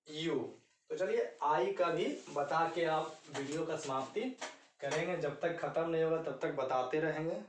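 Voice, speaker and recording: A man's voice: fairly high pitch, roomy sound, distant mic, slight background noise. A man with a Bihari Hindi accent, teaching English pronunciation in Hindi. He spells words letter by letter and checks that the viewer is following. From India.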